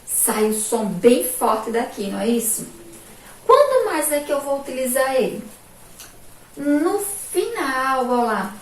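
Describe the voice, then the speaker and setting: Slow emphatic Brazilian teacher woman. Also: high-pitched, very animated. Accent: Brazilian Portuguese, Sergipe. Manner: slow, drawn-out, emphatic syllables with frequent "ó" and "olha aqui". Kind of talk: remote school lesson for children. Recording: echoey room from far off, faint background noise.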